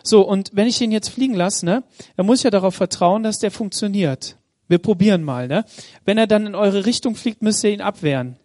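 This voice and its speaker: A man preaching a sermon in Munich, reading Bible passages aloud and slowing down for emphasis. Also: high voice, darkish tone, dry recording, studio quality. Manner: reads scripture aloud, slows for emphasis; addresses the congregation directly. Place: church in Munich.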